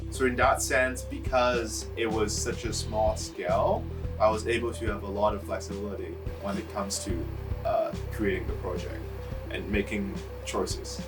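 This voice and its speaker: At normal speed, a young Hong Kong filmmaker talks through casual interview answers, his lowish voice loose and chatty. He meanders comfortably, often saying "like" and "you know." The mic is far from him, giving a distant sound, with background music underneath.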